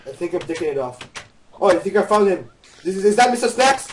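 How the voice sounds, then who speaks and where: Man, casual gaming chat, loud, yelling, roomy far-off mic, noisy. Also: animated, fast talker. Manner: loud and yelling, jumpy swings in pitch. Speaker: co-player.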